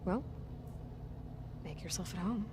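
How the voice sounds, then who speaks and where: An actress playing a guarded, wry young adventurer in a video game, talking in a dry, direct, understated way. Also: female voice, lowish voice, measured pace, very noisy, natural voice. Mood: wry, wary. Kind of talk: video game character dialogue.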